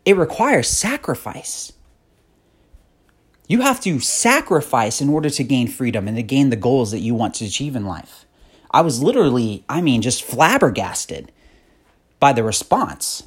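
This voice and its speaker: A man's voice: medium pitch, big pitch swings, moderate pace, slightly rough. A man in his thirties hosting a podcast, giving a blunt, profane motivational monologue that grows more fired-up. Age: 30s. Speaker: podcast host.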